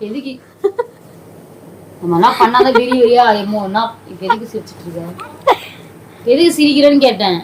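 A woman's voice: on the high side, moderate pace, long pauses, heavy background noise. Nagging woman scolding. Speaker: comedy video creator. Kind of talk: scolding home comedy sketch.

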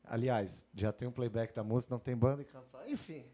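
A man's voice: medium pitch, fast talker, warm tone. A man, a singer, chatting casually as a guest and telling anecdotes. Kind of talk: casual chat.

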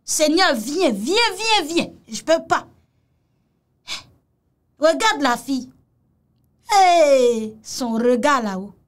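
Woman reacting to a clip, high voice, slow and drawn out, teasing and exclaiming a lot. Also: expressive. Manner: mocking and exclamatory, repeats phrases, mixes in Creole. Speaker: commentator reacting to a video clip. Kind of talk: casual reaction commentary.

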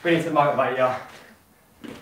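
A man's voice: medium pitch, fairly even intonation, a little slow. A British man co-hosting a live home workout, joking around and pushing viewers with countdowns. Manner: jokey, pushing with countdowns and shout-outs. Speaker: fitness co-host. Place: echoey room at home. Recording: echoey room, distant mic, faint hiss.

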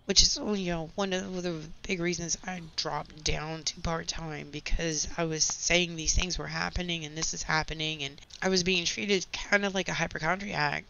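Gravelly-voiced woman rambling candidly. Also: on the low side, fairly even intonation, normal speed, hardly any pauses, pushed and bright, slight background noise. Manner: candid, rambling storytelling about work. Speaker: gaming channel host. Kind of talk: casual commentary over gameplay. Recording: slightly dull lo-fi audio.

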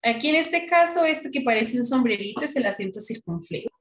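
A woman's voice: a little high, lively intonation, fairly quick, roomy sound. A woman teaching a French class online, explaining patiently and often checking that students follow. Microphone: computer mic on video call.

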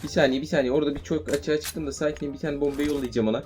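Excitable young man narrating his gameplay fast. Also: on the high side. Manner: excitable, shouts and swears in fights, then calms down. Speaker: mobile game streamer. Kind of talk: live gameplay commentary. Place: indoors at home playing on a tablet. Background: game gunfire and music.

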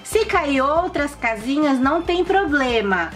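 High-pitched sing-song woman hosting for children. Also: very animated, unhurried. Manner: bright sing-song, exclamatory delivery aimed at children. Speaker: host of a children's toy and game channel. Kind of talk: playful commentary for children while playing board games. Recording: music playing behind the voice. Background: music.

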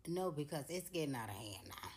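A woman's voice: sits low, big pitch swings, a little fast. A woman ranting to camera with exasperated rhetorical questions. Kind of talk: casual rant to camera.

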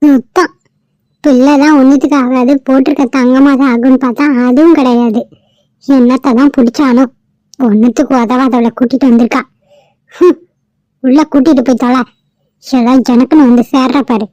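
A woman's voice: sits high, fairly even intonation, normal speed, pauses often, mellow, no echo, lo-fi sound, lightly acted. A woman voicing a middle-aged village mother in a cartoon, scolding and sarcastic toward her son. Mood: grumbling. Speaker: mother of the groom. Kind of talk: cartoon voice acting.

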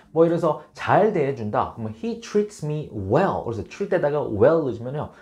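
A Korean-speaking man gives a casual English lesson, and his pitch swings up and down as he explains. He drills each phrase slowly and clearly. Faint background music plays under his voice. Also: darkish tone. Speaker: English teacher.

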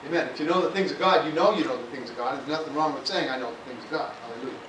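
A man's voice: on the high side, racing. A male pastor giving a conversational sermon, often adding "amen" and "hallelujah" between points. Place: church sanctuary. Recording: echoey church room, voice from far off, faint hiss.

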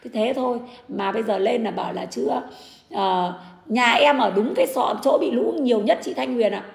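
A woman's voice: fairly high pitch, normal speed, vocal fry, echoey room. A woman in an indignant livestream rant, bluntly answering her critics. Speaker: livestreamer defending her husband.

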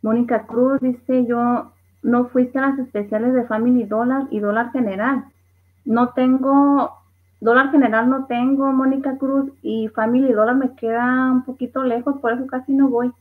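A woman's voice: on the high side, fairly even intonation, moderate pace. A woman hosting a casual livestream, reading viewers' comments aloud and laughing along. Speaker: livestream host. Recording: tinny phone-like livestream audio.

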